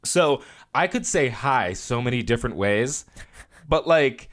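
A man in his thirties co-hosting a podcast in casual chat, animated and laughing often. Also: mid-range voice, a little slow. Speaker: podcast co-host.

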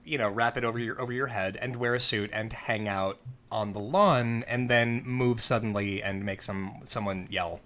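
A man's voice: lowish voice, moderate pace, a bit bright. A man co-hosting a podcast who tells rambling stories in casual chat, full of fillers and restarts. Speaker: podcast co-host.

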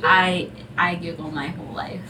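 A woman's voice: on the low side, little pitch movement, moderate pace. A woman chatting casually as a podcast co-host, with a nervous giggle that trails after what she says. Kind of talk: casual chat. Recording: distant mic, clearly noisy room.

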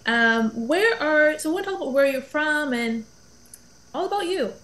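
A woman's voice: sits high, animated, measured pace, fairly bright tone. A woman co-hosting a live online show, reading a guest introduction with a hesitant delivery and lots of ums. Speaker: social media manager and co-host.

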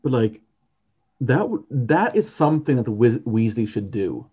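Mellow-voiced man rambling through a chat. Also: mid-range voice, sing-song, moderate pace, husky, dull audio. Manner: rambling, with many fillers and restarts. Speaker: podcast co-host. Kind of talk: casual chat.

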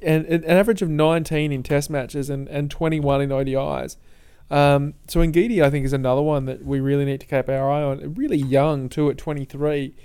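Male sports co-host, fairly high clean voice, casual, halting, thinking-aloud delivery. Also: steady tone, warm tone, clear, resonant tone. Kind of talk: casual cricket discussion.

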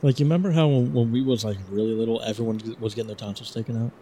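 A man's voice: mid-range voice, steady tone, very fast, dark tone, slight background noise. A young man in casual chat with a friend, teasing and chatty, often stumbling over his words as he restarts. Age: young adult. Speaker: podcast co-host.

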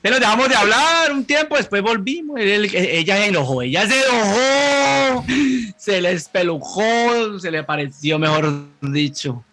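A man's voice: sits high, animated, moderate pace, pushed and bright. A Colombian man in his thirties, co-hosting a podcast in casual, rambling chat, swearing freely. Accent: Colombian Spanish.

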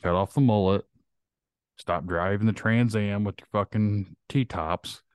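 A man's voice: on the low side, measured pace, darkish tone, clean tone, no echo. A man hosting a podcast, ranting bluntly with heavy swearing in casual chat. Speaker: podcast host.

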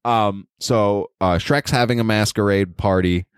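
Man, low voice, dry close mic, rambling movie-podcast co-host. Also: steady tone, a little slow, clean tone, no room sound. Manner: rambling, filler-heavy, acts out lines. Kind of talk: casual movie discussion.

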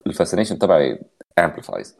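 A low-voiced man with a Lebanese accent and a dark, mellow tone speaks in casual podcast style. He moves freely between Arabic and English as he talks. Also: big pitch swings, quick pace, gravelly. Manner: mixes Arabic and English mid-sentence.

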